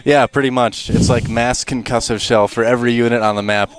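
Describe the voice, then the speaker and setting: A man's voice: medium pitch, fairly even intonation, fairly quick, a little hiss or hum. A young man casting an esports match in easygoing, chatty banter with his co-caster. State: out of breath. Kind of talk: casual esports commentary.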